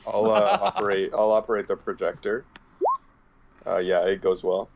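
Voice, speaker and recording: A man's voice: fairly low pitch, sing-song, normal speed, creaky, slight background noise. Joking male tabletop player. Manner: jokey, laughing. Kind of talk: casual tabletop chat.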